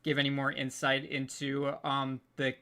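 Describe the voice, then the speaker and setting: Hosting an unscripted, casual panel, an audio drama producer stammers and stops and starts, sounding apologetic and putting himself down. His mid-range voice is bright and forceful, completely flat in delivery, at a normal speed.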